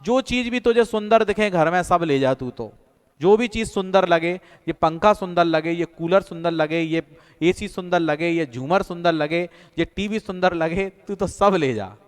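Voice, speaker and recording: A man's voice: sits high, measured pace, smooth. A man voicing an eager, generous rich householder who keeps urging a guest to take everything he likes, in a classroom story. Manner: urging, repetitive. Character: eager wealthy male house owner, lavishly generous. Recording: echoey room with long reverb.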